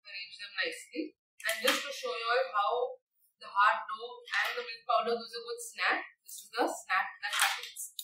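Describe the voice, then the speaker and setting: Recorded in a large, echoey teaching kitchen with background noise and the mic some distance away, a young woman chef instructor leads a step-by-step cooking demonstration. Her voice runs on the high side at a moderate pace. She instructs methodically, frequently saying "okay" and "right."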